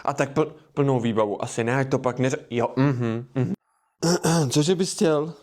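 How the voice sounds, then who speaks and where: A gruff, low-voiced dad, acted by a man, who mumbles and rumbles well below the speaker's own range. He sounds soft with his daughter and blunt with his son. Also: natural voice.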